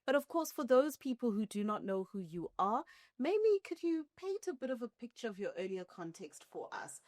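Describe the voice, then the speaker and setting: A woman's voice: on the high side, very animated, normal speed, no echo, clean studio sound. A woman hosting a business podcast, affirming her co-host and guest often and asking questions. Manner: warm affirming, frequent "mm" and "I love that". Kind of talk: interview hosting.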